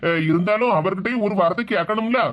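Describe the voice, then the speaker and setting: A voice actor playing an older male marriage broker with a southern Tamil accent, who speaks hesitantly with drawn-out fillers. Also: sits high, muffled recording, natural voice. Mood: persuading.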